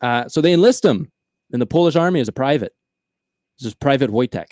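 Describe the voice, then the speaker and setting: Animated man telling a story, dry sound. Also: medium pitch, fairly quick, dry recording. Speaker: podcast host. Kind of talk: casual storytelling chat.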